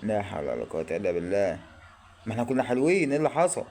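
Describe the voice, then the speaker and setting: A man with an Egyptian accent giving a live reaction while watching a football match, anxious and excitable, pleading and exclaiming. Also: fairly low pitch, rapid-fire, slight background noise. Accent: Egyptian Arabic. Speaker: football fan vlogger.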